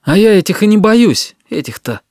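Man doing a sulky street kid, high, grumbly, slangy. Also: big pitch swings, normal speed, a little mellow, dry recording, clean studio sound. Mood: sullen. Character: sullen, streetwise schoolboy.

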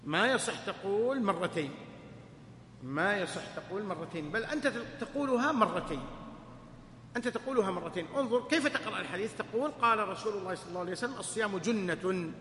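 A man's voice: sits high, expressive, fast talker, bright, forceful tone. A man teaching a lesson in a mosque study circle, correcting his reader and joking with the students. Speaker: sheikh teaching hadith. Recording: echoey hall, faint hum.

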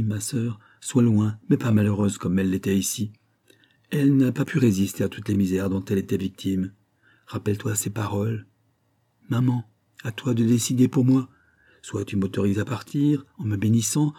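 A man's voice: on the low side, normal speed, warm tone, husky. A man voicing an earnest young son who talks to his mother with affection. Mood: pleading. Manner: affectionate, pleading.

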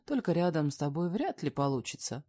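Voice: medium pitch, big pitch swings, warm tone. A reader voicing a defiant, sarcastic young heroine in an audiobook. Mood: heated. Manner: sarcastic, quick to argue. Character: young woman heroine, sharp-tongued and defiant.

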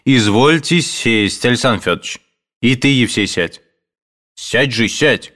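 A man's voice: medium pitch, lively intonation, measured pace, a bit bright. A man reading aloud voices a jovial older guest who talks heartily and orders everyone about. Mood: commanding. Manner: hearty, toasting, bossy.

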